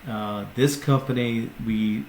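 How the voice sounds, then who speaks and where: Speaking at medium pitch with fairly even intonation, a CEO takes his time on a podcast, his voice a little mellow. He talks casually and at length, restarting and using fillers. The echoey room has faint ambience, plus a little hiss or hum.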